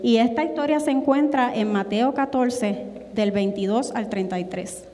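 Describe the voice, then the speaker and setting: A woman's voice: moderate pace, warm tone, big-room sound. A woman preaching a sermon and reading scripture, earnest and emphatic, acting out the quoted lines. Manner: earnest, emphatic, acts out quotes with rising pitch.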